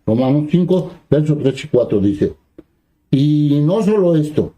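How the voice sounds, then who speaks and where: A man's voice: a little high, lively intonation, a little slow, warm tone, low-quality recording. A man preaching a sermon who reads scripture aloud and then explains it in plain conversational words, often asking the listeners brief questions.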